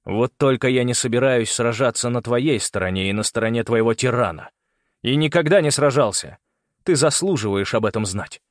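A man voicing a calm, defiant young archer who answers his father in a level, cool tone. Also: medium pitch, normal speed, no room sound, studio quality, natural voice.

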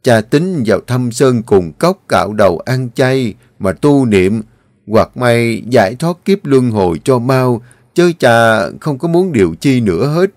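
A man reading the lines of an old, gentle, world-weary father who wants to retire into religious life, in a slow, earnest way. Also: medium pitch, lively intonation, dry recording, natural voice. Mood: tender, sorrowful.

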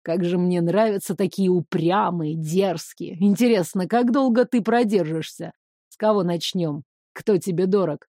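Creepy young count villain as a lady reads him, low quiet mocking drawl, dry sound. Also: moderate pace, no echo. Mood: menacing. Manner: soft insinuating mocking drawl. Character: sly sadistic young male count, villain.

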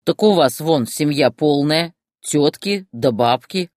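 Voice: medium pitch, lively intonation, slow, a little mellow, no room sound, studio quality, voice pushed up. A reader as a sulky, sardonic young man. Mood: grumbling.

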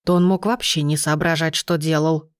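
A woman's voice: low-pitched, steady tone, moderate pace, clear, resonant tone, dry recording, clean studio sound, close to an everyday voice. A woman reading the lines of a bossy, shrewd old grandmother in an audiobook. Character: fussy, scolding old grandmother.

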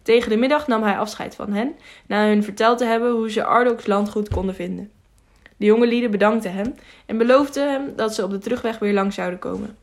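A woman's voice: fairly high pitch, a little fast. Woman narrating a storybook. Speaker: audiobook narrator. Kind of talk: scripted narration.

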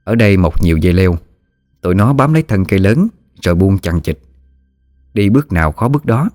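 Deep-voiced storyteller. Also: male voice, fairly quick, no room sound, clean studio sound. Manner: steady storytelling. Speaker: narrator. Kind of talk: ghost story narration. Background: soft music.

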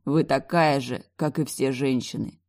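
A domineering, sneering man in an audiobook, read by a woman who talks down to everyone with cold arrogance. The voice sits low and dark, with a mellow, unhurried weight behind the mockery. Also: fairly even intonation. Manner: haughty, sneering, rude. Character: arrogant mocking adult man, domineering bodyguard type. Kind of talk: audiobook character voice.

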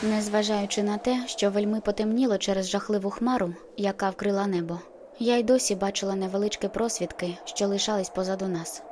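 A woman's voice: mid-range voice, fairly even intonation, brisk, a little mellow, a little hiss or hum. Woman narrating an audiobook. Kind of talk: scripted first-person narration.

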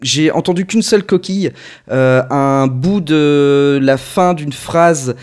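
A man's voice: on the high side, takes it slowly, darkish tone. A man from France, a podcast co-host reviewing a fan dub in casual, rambling talk that keeps correcting itself. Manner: rambling, self-correcting, conversational. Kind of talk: casual group podcast chat.

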